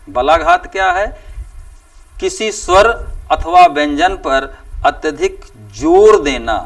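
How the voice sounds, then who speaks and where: Male teacher, higher-pitched and gravelly, drawn-out deliberate lecturing. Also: fairly bright tone, distant mic. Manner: slow and deliberate, stretching out example sounds with emphatic rises. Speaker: Hindi teacher. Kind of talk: classroom lecture.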